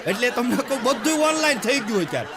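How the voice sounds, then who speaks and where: A man's voice: very high-pitched, big pitch swings, fast talker, over a noisy crowd, heavy background noise. A male stand-up comedian, telling folk jokes in a chatty way with acted quotes. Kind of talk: Gujarati folk comedy storytelling. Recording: long hall reverb.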